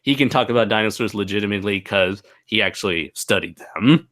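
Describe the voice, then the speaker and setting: A man hosting a casual livestream panel chat over a video call, joking and pausing to look at his notes. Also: on the low side, fairly bright tone. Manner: joking, pauses with "let's see". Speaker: livestream host.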